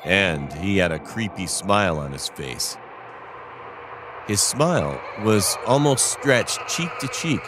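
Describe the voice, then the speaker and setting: A man's voice: low voice, big pitch swings, takes it slowly, noisy background. A young man narrating a first-person scary story in a scripted telling.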